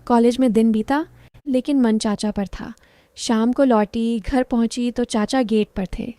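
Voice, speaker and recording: A woman narrating a first-person story in short, clipped phrases, soft and intimate. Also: a little high, fairly even intonation, measured pace, clear, resonant tone, no room sound.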